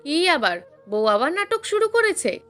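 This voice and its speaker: A woman's voice: high voice, normal speed, a bit bright, faint music behind, pitched above the performer's own voice. A woman voicing a harsh, scornful older mother who speaks sharply and dismissively to her son.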